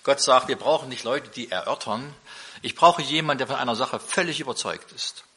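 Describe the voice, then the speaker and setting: A man's voice: medium pitch, brisk, bright, forceful tone. A middle-aged man preaching a sermon, emphatic, with repeated rhetorical questions.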